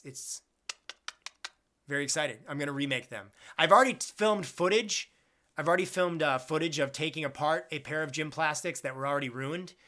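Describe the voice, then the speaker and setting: A man's voice: fairly high pitch, sharp tone. A man in his twenties chatting casually on a live stream, reading out viewer questions and rambling with jokes at his own expense. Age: 20s. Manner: rambling, self-deprecating, jokey.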